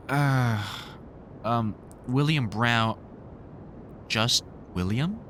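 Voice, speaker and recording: In an audio roleplay drama aimed at the listener, a male actor voices a protective British vampire hunter mentor who is gruff, sardonic, and teasing. Here he's reminiscing wryly, his banter sweary, exasperated, and fond, his intonation very animated. Faint background rumble is audible.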